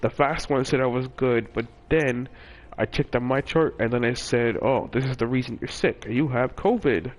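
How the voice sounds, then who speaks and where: A young vlogger speaking at normal speed in a medium-pitched voice barely pauses while he rambles through a personal story. His casual account is scattered with fillers, restarts, and self-corrections.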